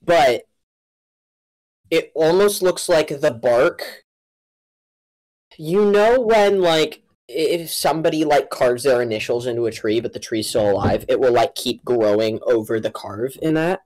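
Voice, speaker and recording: A woman's voice: rumbling low, lively intonation, darkish tone, low-quality recording. Conversational woman running a tabletop game. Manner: halting, conversational, thinks aloud. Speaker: game master. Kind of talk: casual tabletop game narration.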